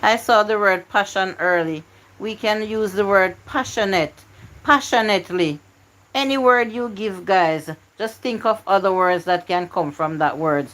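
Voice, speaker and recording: Slow, coaxing woman hosting a live stream. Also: medium pitch, fairly bright tone, rough recording. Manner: coaxing, pleading with viewers. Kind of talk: live stream word game with chat.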